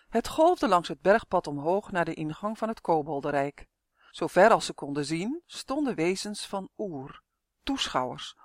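A narrator reading a children's fantasy audiobook in a calm, expressive storytelling manner. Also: medium pitch, no echo, studio quality.

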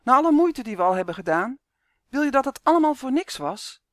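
A woman's voice: medium pitch, animated, moderate pace, no echo, studio quality, close to an everyday voice. A woman voicing an earnest young boy who pleads with and reassures his friend. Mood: pleading. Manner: pleading, urgent.

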